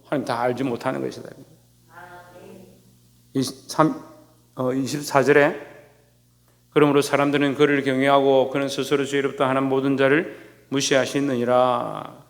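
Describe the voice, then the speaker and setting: Preaching to his congregation in a church sanctuary, a pastor poses questions and answers them himself, raising his voice to act out quoted scolding. His medium-pitched, creaky voice moves at normal speed with little pitch variation and long pauses, trailed by long reverb.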